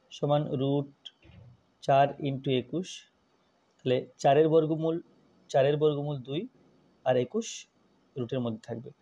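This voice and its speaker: A man's voice: a little high, dark tone, highs cut off. A man teaching a math lesson, working through each step methodically and repeating it as he goes.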